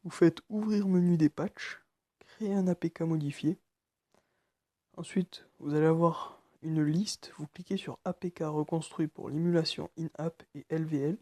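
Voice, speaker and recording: Soft-spoken, hesitant young-sounding man. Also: fairly high pitch, steady tone, dry recording. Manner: hesitant, halting, many fillers; speaking quietly late at night. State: nervous. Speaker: tutorial maker. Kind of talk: screen-recorded phone tutorial.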